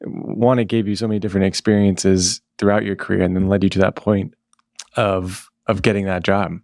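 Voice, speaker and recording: A man with a very deep voice hosts a local podcast interview. He talks in a relaxed way and sums up his guest's points with many fillers. He is recorded dry and close to the mic. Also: brisk, no room sound. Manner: relaxed, summarizing with frequent fillers. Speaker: podcast host. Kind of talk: casual interview. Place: podcast studio.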